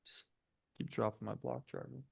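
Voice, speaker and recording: This US-raised man, whose first language is French, hosts a live day-trading stream, methodically calling out price levels and setups and chatting with viewers between chart reads. His medium-pitched voice is gravelly and husky, with a steady tone and normal speed. The sound is clean studio quality with no room sound.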